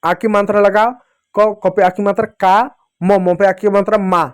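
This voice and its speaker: A man's voice: high-pitched, flat delivery, smooth. Patient man teaching children to read. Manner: patient, repeats sounds slowly, asks and answers own questions; addresses children fondly as dear kids. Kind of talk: children's reading lesson.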